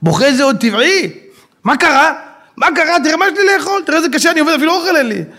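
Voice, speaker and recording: A poor woodcutter pleads and wails in a high, strained voice, as a preacher puts him on. He sounds desperate one moment and giddy the next, his pitch leaping about. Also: very animated, slightly rough, exaggerated voice. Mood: pleading. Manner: wailing, pleading, exclaiming. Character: poor, weeping woodcutter man, whiny and then giddy.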